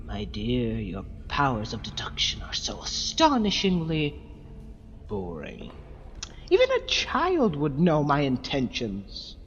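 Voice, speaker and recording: A man playing a mad, scheming Time Lord villain in an audio drama, speaking in a haughty, measured, mocking and theatrical way. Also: medium pitch, wildly swooping pitch, fairly bright tone, big-room sound, highs cut off, a little hiss or hum, heavily acted. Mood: sly, urgent.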